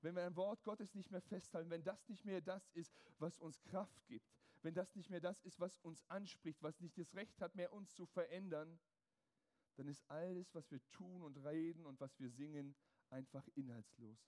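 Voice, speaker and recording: A man's voice: on the high side, normal speed, warm tone. A man preaching a sermon to his congregation, emphatic and driving his points home with strings of rhetorical questions.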